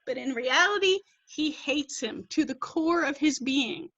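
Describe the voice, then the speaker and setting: A woman's voice: high voice, lively intonation, unhurried, a bit bright. A woman teacher leading an online class, explaining patiently over a video call. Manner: explains patiently, reads quotes aloud. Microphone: laptop mic on video call. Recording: dull lo-fi video call audio.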